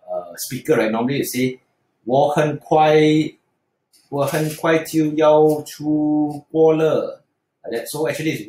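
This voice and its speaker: A man's voice: mid-range voice, a little mellow, reverberant, low-quality recording. A man teaching beginner Mandarin in a screen-recorded tutorial, talking hesitantly with frequent fillers and restarts.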